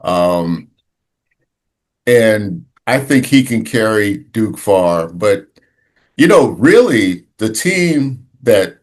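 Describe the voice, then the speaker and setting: Male sports podcast co-host, voice on the low side, casual and halting, often restarts mid-sentence. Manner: halting, searching for words, many restarts.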